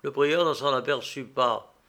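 Un homme qui lit à voix haute un conte littéraire, posément, avec quelques hésitations. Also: male voice, mid-range voice, pushed and bright. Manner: measured, unhurried, a few fillers. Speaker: reader. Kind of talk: reading a literary tale aloud.

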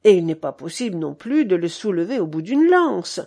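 A woman doing a gruff old army cook. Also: lowish voice, big pitch swings, mellow. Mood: scornful. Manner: gruff, grumbling, slow emphatic lines.

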